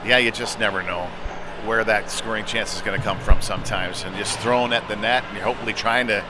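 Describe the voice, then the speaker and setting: A former goaltender calls live ice hockey play-by-play, his voice fairly low and fairly quick. He keeps it conversational but rises to excited calls on big plays, with clear arena noise behind him.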